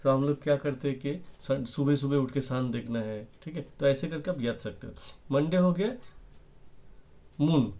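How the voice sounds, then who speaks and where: A man's voice: medium pitch, normal speed, dark tone, lo-fi sound. A man teaching vocabulary in a casual, explanatory way, repeating himself as he writes. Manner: explanatory, repeats "ठीक है" often, mixes in English words. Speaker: Japanese language teacher. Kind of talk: casual spoken lesson, explaining while writing.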